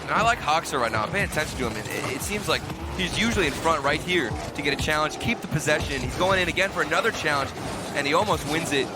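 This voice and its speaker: A man's voice: fairly high pitch, lively intonation, quick pace, loud music behind the voice. A man giving esports colour commentary as a caster, explaining plays in a conversational way.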